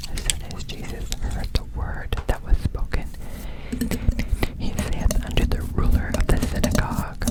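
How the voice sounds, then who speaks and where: Brief: ASMR scripture reader, breathy whisper doubled with a layered second whisper, repeats lines back softly. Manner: soft unvoiced whisper, echoing phrases back in repeats. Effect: whisper doubled by a layered whisper track.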